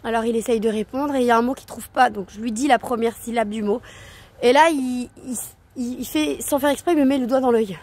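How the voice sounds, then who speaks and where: A woman's voice: a little high, brisk, a little mellow. A woman in her thirties, a parenting coach, talking in a casual vlog with many hesitations and restarts, outdoors at night.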